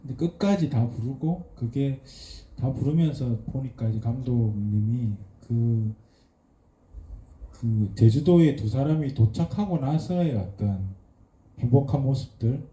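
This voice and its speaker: Guy writer at a screening talk, slow and halting, lots of fillers, roomy hall sound. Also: mid-range voice, animated, warm tone. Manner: thoughtful, halting, many fillers and restarts. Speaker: guest writer. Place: event hall.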